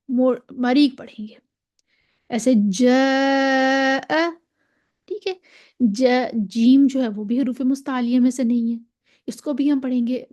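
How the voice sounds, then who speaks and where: A woman with a Pakistani Urdu accent gives a slow, patient lesson in Quran recitation, stretching out the example syllables. Her voice is fairly high and mellow, and the recording sounds muffled and lo-fi.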